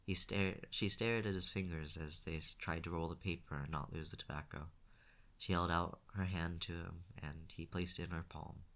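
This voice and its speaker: A man reading a novel aloud as an audiobook, in a low, bright voice. His pace is steady, with the odd restart when he stumbles over a word. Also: moderate pace. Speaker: audiobook reader.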